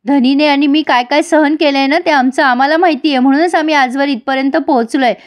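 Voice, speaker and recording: A protective young wife from a village TV serial, voiced by a woman storyteller. She scolds in a firm, sharp way. The voice is high. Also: fairly even intonation, fairly quick, lightly acted. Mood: scolding.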